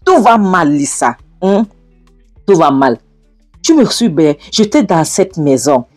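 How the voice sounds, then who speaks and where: A woman's voice: fairly low pitch, sing-song, takes it slowly, darkish tone, soft background music, heavily acted. A woman voicing an indignant friend who scolds and presses with many questions. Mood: insistent. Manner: scolding, insistent.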